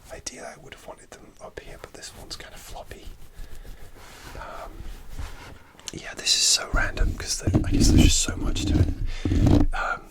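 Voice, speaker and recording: A man in the role of ASMR creator whispers a rambling story very near the microphone, hesitating and restarting again and again. His speed is normal.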